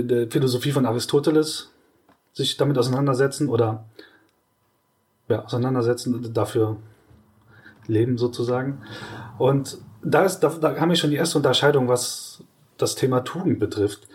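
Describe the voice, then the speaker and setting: A man co-hosting a podcast, explaining ideas in casual conversation with hesitant restarts and lively, exaggerated examples. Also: medium pitch, moderate pace, pauses often. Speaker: podcast co-host.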